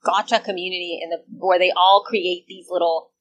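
A woman's voice: fairly low pitch, flat delivery, a little fast, a bit bright, lo-fi sound. A woman from El Salvador, a podcaster guest, chatting casually and rambling with many fillers and restarts.

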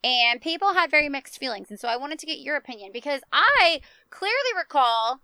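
A woman's voice: sits high, expressive, brisk, bright, forceful tone, dry recording. A woman co-hosting a podcast in casual, joking chat, swearing freely, recorded inside a small closet at home. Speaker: podcast co-host.

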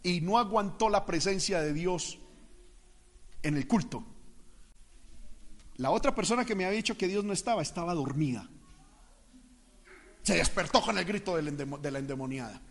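A man's voice: sits high, lively intonation, moderate pace, long pauses, fairly bright tone. A man preaching a sermon as pastor in a church, emphatic and dramatic, acting out the voices he quotes. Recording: long reverb of a church hall.

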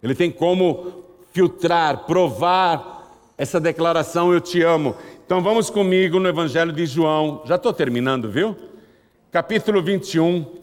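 A man's voice: on the high side, moderate pace. A man preaching a sermon, firing rhetorical questions at the congregation. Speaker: pastor. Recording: long hall reverb.

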